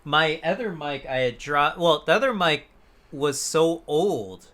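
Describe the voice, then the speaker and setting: This podcast co-host, a man with a slightly high, somewhat bright voice, chats in an unhurried, animated way, rambling and joking. He's close to a USB desk microphone on an arm during the casual show.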